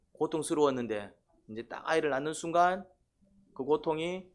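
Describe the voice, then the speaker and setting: A man preaching a sermon, constantly prompting the congregation with questions and short "eh?" calls. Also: fairly high pitch. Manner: quizzes the congregation, repeated "eh?" prompts. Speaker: pastor.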